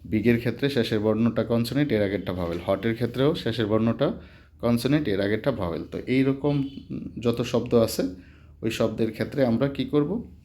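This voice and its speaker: A man teaching English grammar in Bengali, going through examples slowly and repeating each word form step by step. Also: mid-range voice, warm tone. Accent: Bangladeshi Bengali. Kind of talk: explaining a lesson step by step.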